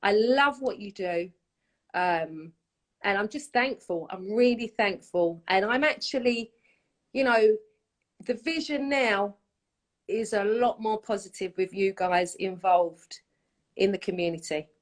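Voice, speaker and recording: A woman's voice: mid-range voice, unhurried. A woman from London with a London accent, hosting a casual interview, effusive and repeating herself. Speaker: host.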